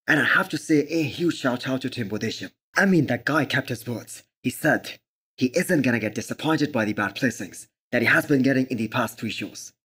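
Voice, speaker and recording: A man's voice: mid-range voice, animated, brisk, bright, forceful tone, husky. A man giving an emphatic, opinionated sports commentary voice-over, speaking directly to viewers as host of a fitness channel.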